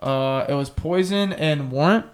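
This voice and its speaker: A man's voice: a little high, measured pace. A young American man hosts a casual chat show. His voice sits a bit above average for a man, and he talks in loose bro slang with frequent swearing. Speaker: podcast host.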